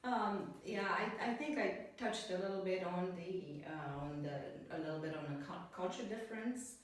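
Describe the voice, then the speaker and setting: Woman in her 40s, chatty interview guest, quick laughs, sits far from the mic in a very echoey room. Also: lowish voice. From Romania. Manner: chatty, laughs often between points. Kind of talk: casual interview chat.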